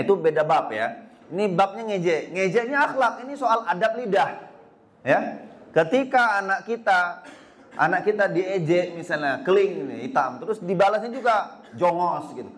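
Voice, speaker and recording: A man's voice: fairly high pitch, slight background noise. A man from Indonesia, giving a religious lecture to parents in a casual, conversational way and acting out little dialogues with children. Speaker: ustadz giving a regular study lecture.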